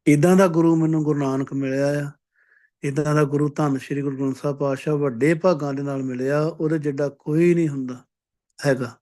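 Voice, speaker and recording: A man giving a Sikh scripture sermon, who chants each verse slowly and then explains it in plain everyday talk. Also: on the high side, mellow. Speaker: Sikh preacher giving katha. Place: based in Canada.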